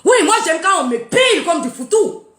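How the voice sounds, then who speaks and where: A woman's voice: very high-pitched, very animated, normal speed, fairly bright tone. A woman ranting on a live stream, mocking and taunting with frequent laughter and boasting. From Burkina Faso. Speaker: live social media streamer. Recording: roomy echo.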